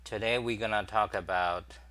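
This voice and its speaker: Halting man with a bright voice. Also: lowish voice, steady tone. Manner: halting, many fillers and restarts. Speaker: talk show host. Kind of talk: casual screen-share livestream.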